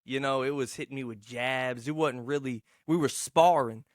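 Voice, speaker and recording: A man's voice: mid-range voice, moderate pace, no echo, clean studio sound. A man, hosting a casual, rambling solo podcast in a profane, slangy, boastful yet self-deprecating way. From Texarkana, United States. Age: 20s. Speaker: podcast host.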